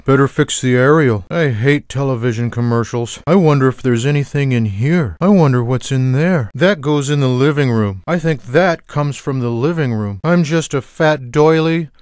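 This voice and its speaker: A man playing Garfield, a lazy, sarcastic fat house cat in a video game, with a deadpan, unhurried delivery full of dry wisecracks. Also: medium pitch, dry recording, close to an everyday voice. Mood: weary, wry. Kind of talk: scripted video game character lines.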